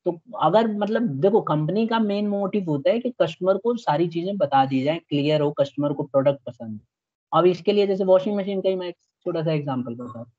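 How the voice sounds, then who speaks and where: A man's voice: high-pitched, fairly quick, dark tone, dry recording, lo-fi sound. A male teacher giving an online class, explaining with everyday examples while his call audio cuts in and out. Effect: choppy online call audio that cuts in and out.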